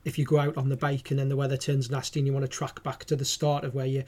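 A man's voice: mid-range voice, completely flat delivery, fast, a little mellow. A man with a Geordie accent, co-hosting a podcast and explaining gear in a practical, casual way. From North East England. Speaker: podcast co-host, GPS trainer. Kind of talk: casual product chat.

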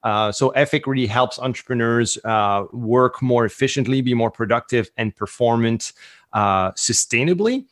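A man's voice: mid-range voice, normal speed, fairly bright tone, no echo, studio quality. Man with a Quebec French accent. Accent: French Canadian (Quebec French). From French-speaking Canada. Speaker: interview guest, entrepreneur. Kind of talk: casual interview talk.

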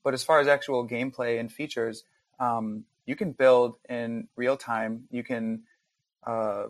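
A man's voice: mid-range voice, a little slow, no echo. A man chatting casually as a guest game developer on a podcast, rambling with plenty of fillers. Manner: relaxed, rambling, lots of fillers.

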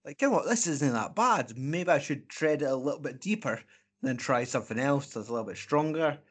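A man's voice: mid-range voice, lively intonation, a little fast, husky. A man co-hosting a casual beer podcast, bantering in a joking, blunt way. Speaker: podcast co-host. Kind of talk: casual chat.

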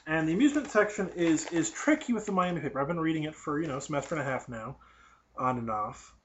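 A young podcast host reads a college newspaper aloud, sarcastically picking it apart and rambling off on tangents in casual live commentary. He talks quickly in a slightly high, animated, somewhat bright voice, and the dull lo-fi recording has a little hiss or hum.

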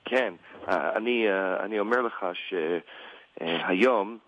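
A man with an American English accent in Hebrew, a native English speaker, answers a radio interview as a rabbi, haltingly searching for words. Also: fairly low pitch, muffled recording.

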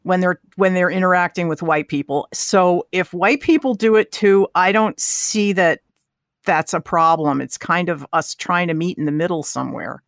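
A woman's voice: on the low side, moderate pace, dry recording, studio quality. A woman co-hosting a podcast, chatty and reassuring as she talks. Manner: chatty, reassuring, laughs often. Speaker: podcast co-host. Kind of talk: casual podcast conversation.

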